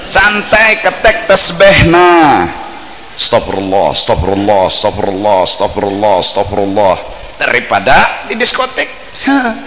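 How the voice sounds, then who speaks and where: Slow, low-voiced Banjar man preaching, captured on old worn tape in a big reverberant hall. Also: slight background noise. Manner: lively, swings between playful shouts and low earnest asides. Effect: old worn tape recording. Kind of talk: mosque sermon.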